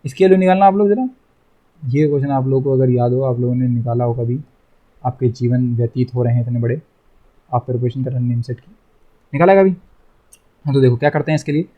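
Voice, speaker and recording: A man's voice: medium pitch, highs cut off. A young man teaching a math lesson online, chatty, repeating himself and teasing his students.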